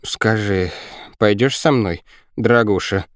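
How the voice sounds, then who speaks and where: A man voicing a frantic, bossy and spiteful girl in an audiobook, with shrill, scolding and hurried whispered lines. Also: clear, resonant tone, no room sound, clean studio sound. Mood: urgent whispering.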